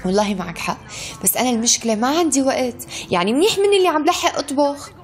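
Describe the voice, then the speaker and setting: A woman's voice: high voice, animated, very fast. A woman with a Syrian accent acting as a chatty, insistent young wife in a comedy sketch. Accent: Syrian Levantine Arabic. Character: chatty young wife, busy with social plans. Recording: background music under dialogue.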